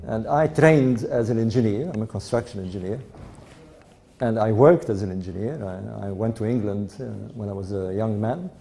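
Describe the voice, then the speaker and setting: Speaking with a dark, lowish voice, an older man from Egypt shares his family history with an audience. His accent mixes European and Egyptian, and his storytelling talk is relaxed and anecdotal, punctuated by occasional chuckles.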